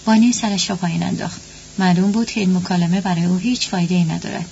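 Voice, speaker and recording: Woman reading an audiobook, gravelly voice, muffled lo-fi sound with a low hum. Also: steady tone, a little mellow. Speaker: audiobook narrator. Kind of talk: storybook narration. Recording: dull lo-fi with faint hum.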